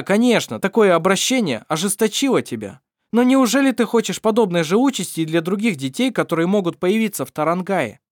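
A man's voice: high voice, no room sound, clean studio sound, pitched above the performer's own voice. A man voicing a bold, urgent young man. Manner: urgent, forceful challenging speech.

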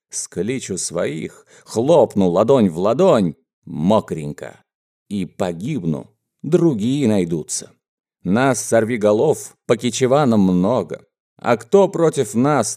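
A man voicing a menacing mustached bandit gang boss, speaking in gruff, slow, threatening speeches in a storybook reading. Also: on the low side, lively intonation, mellow, exaggerated voice.

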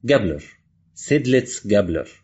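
A man voicing a cold, threatening Russian agent in an audiobook, calm and mocking, in a slightly muffled recording with faint music. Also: fairly low pitch, brisk, husky. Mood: menacing. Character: cold menacing male Russian agent holding a gun. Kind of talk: audiobook character voice.

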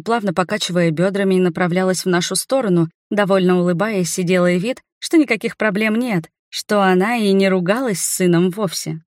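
A woman with a fairly low voice reads an audiobook in a measured, expressive first-person narration. The recording is close and dry, with no room sound. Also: no room sound.

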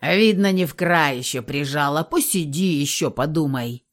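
A woman's voice: sits low, normal speed, lightly acted. A woman doing a crude, mocking male thug. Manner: coarse, mocking and swearing. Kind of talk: audiobook reading.

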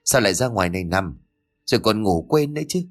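A man voicing a stern middle-aged man with a dark secret, scolding and curt, in a spoken ghost story. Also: lowish voice, lively intonation, quick pace.

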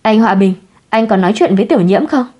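Woman reading as a young pregnant wife, soft and husky. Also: medium pitch, animated, quick pace, muffled recording, natural voice. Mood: gentle.

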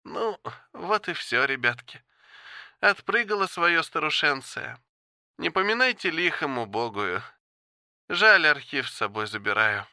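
A man voicing a dying old woman pilot who speaks calmly in a gentle, folksy, resigned way, in an audiobook. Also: fairly high pitch, unhurried, dry recording, studio quality, exaggerated voice. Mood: wry, calm. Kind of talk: audiobook character voice.

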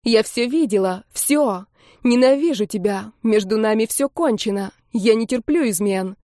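A woman's voice: a little high, normal speed, mellow, no echo, clean studio sound, lightly acted. A woman reading a jilted young woman who speaks coldly and mockingly, then lashes out in hurt anger. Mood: hurt angry.

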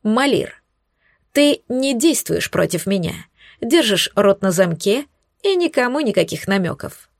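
A woman voicing a scornful, smug young female witch who mocks and threatens in slow, hissing tones, recorded dry and close. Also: mid-range voice, big pitch swings, gravelly, dry recording. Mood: sneering. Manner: mocking, hissing, drawn-out threats.

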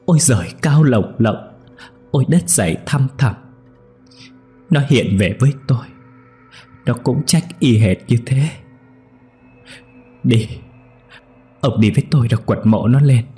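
A man's voice: fairly low pitch, fast, hardly any pauses, darkish tone, husky, faint music behind. A man voicing a grieving middle-aged mother who wails and pleads in a horror story. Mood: wailing grief. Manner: wailing, pleading.

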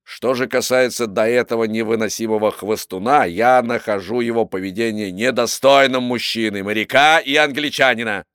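A man's voice: mid-range voice, moderate pace, hardly any pauses, a bit bright, clear, resonant tone, no echo, studio quality, natural voice. A man doing an indignant pompous squire.

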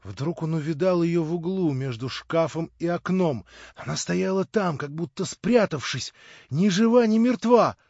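A man reading a novel aloud as an audiobook, in measured, calm narration. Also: a little high, creaky, no echo. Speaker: audiobook reader. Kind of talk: scripted narration. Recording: dull dry lo-fi recording.

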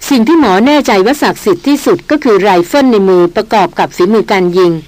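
A woman voicing a calm, measured male veteran jungle hunter who explains slowly and steadily in an audiobook. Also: mid-range voice, no room sound, natural voice, rough recording.

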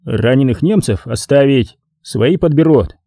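A man voicing a gruff middle-aged partisan commander who gives curt, commanding orders. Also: mid-range voice, lively intonation, a little slow, mellow, no room sound, clean studio sound.

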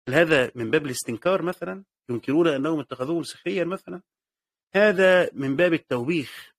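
A man's voice: a little high, a bit bright, dry recording, clean studio sound. A man with an Egyptian accent teaching a lesson on Quranic exegesis. He explains step by step, repeats key phrases, and asks and answers his own questions. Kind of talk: classroom lesson commentary.

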